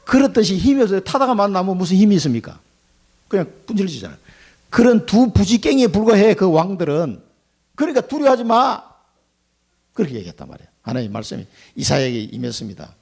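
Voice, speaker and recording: A man preaching a Sunday sermon as pastor, animated, putting on quoted voices and asking his congregation questions. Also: high-pitched, fast talker, vocal fry, husky.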